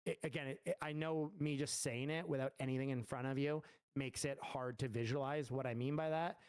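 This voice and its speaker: A man's voice: mid-range voice, fairly even intonation, a little fast, a little mellow, clear, resonant tone, no echo. A man, a game studio founder, answering community questions in a loose, rambling livestream chat full of fillers and restarts. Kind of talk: casual livestream Q&A.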